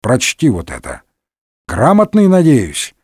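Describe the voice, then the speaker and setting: Athos, a man doing a sly, calm musketeer. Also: fairly high pitch, normal speed, no echo, clean studio sound. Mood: calm, mocking. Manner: calm, mocking. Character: cool, sly older male musketeer.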